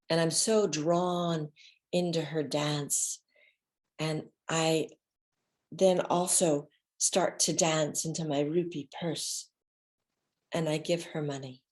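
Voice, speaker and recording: A solo stage performer and storyteller delivers a dramatic reading from her one-woman show, telling her story theatrically and repeating words for emphasis. Her voice sits low with a darkish tone.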